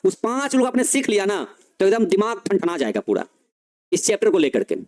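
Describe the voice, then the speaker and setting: A young man with a high voice teaches a live online grammar class, walking through each rule step by step. He keeps asking his students questions and answering them himself. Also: huge pitch swings, a little fast, darkish tone. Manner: explains step by step, asks students rhetorical questions.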